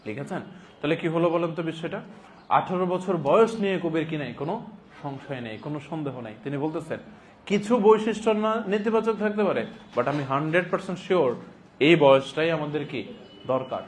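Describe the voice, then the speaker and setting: High-pitched man teaching, emphatic and deliberate. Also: expressive, a little hiss or hum. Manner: repeats phrases slowly and deliberately for note-taking; emphatic, question-and-answer prompting of students. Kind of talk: classroom lecture with dictation.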